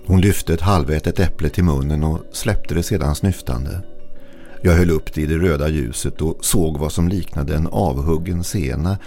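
Man, extremely deep, dark mellow tone, gravelly, hushed suspenseful horror narration, faint music behind.

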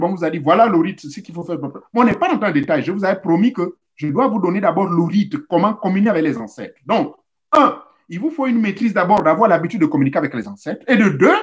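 Male spiritual teacher, high voice, didactic, talks straight to listeners, repeats steps. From Central Africa. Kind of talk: instructional talk.

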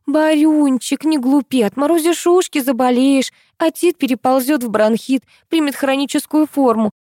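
A woman's voice: high voice, moderate pace, dark tone, no echo, voice pushed up, natural voice. A fussy doting mother frets and laments without stopping, in a raised voice, as a woman reader puts her on. The reading sounds dry and close. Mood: fretful. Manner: fretful, lamenting, nonstop. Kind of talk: audiobook reading.

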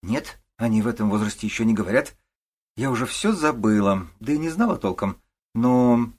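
Male narrator playing a hysterical elderly mother-in-law, shrill, accusing, husky edge. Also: expressive, moderate pace, darkish tone, lightly acted. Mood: wheedling. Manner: wailing, shrieking, accusing.

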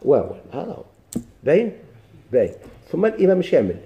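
A man's voice: fairly high pitch, wildly swooping pitch, quick pace, lo-fi sound, a little hiss or hum. A man with a Moroccan accent teaching a grammar lesson, explaining step by step and quizzing his students with questions.

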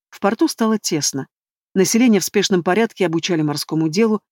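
A woman reading a first-person novel aloud as narrator, in steady, even storytelling. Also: fairly low pitch, no room sound. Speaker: audiobook narrator. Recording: dry close studio sound.

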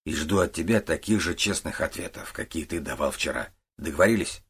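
Calm middle-aged detective read by a man, probing, patient, very low voice, rough texture. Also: brisk, exaggerated voice. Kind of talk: audiobook character voice.

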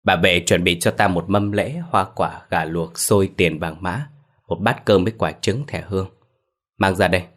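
A man voicing an old village exorcist with a hoarse voice who speaks and chants solemnly. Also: low voice, moderate pace, fairly bright tone. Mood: grave.

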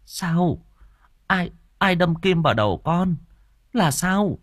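A man's voice: sits high, animated, slow, a bit bright, no echo, clean studio sound, voice pushed up, exaggerated voice. A man voicing an anxious, motherly older woman who soothes and presses with questions in a storybook reading. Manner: soothing, then urgent questioning.

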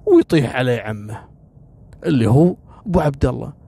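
A man telling a folk tale in a lively, colloquial way and voicing the characters himself. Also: medium pitch, fairly quick, vocal fry, breathy edge. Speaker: storyteller. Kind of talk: oral storytelling.

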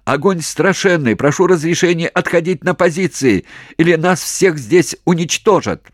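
A man voicing a desperate battalion commander who shouts hoarsely, near hysterical, under shellfire. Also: a little high, lively intonation, normal speed, no echo, clean studio sound, pitched above the performer's own voice. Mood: frantic shouting.

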